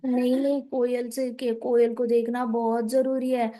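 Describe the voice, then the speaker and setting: A bossy older mother-in-law from a devotional storybook tale, put on by a woman narrator. She calls out loudly in a high voice and repeats her words. She sounds doting and slightly dazed. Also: flat delivery, a little slow, close to an everyday voice. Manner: loud, calling, repetitive.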